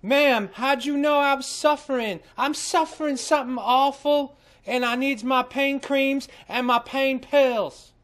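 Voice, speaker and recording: Man putting on a high-voiced, needy, pain-ridden caller. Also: a little slow, fairly bright tone. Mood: suffering, complaining. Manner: pleading, insistent, folksy nonstandard grammar. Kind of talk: prank phone call.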